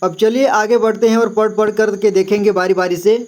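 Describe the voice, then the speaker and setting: A man's voice: high-pitched, steady tone, brisk, darkish tone. A male teacher giving a patient, explanatory lesson who repeats each syllable several times and checks in with the listener often. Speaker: Hindi teacher.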